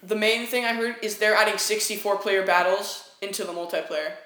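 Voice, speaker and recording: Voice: mid-range voice, steady tone, a little fast, bright, forceful tone. A young co-host of a casual gaming podcast, joking and teasing in banter. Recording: echoey room.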